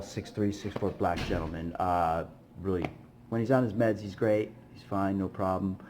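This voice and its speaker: Male vlogger, low voice, loose chatty storytelling full of fillers, slight background noise. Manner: rambling, many fillers, animated when retelling. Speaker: vlogger, busking musician. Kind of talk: casual storytelling to camera.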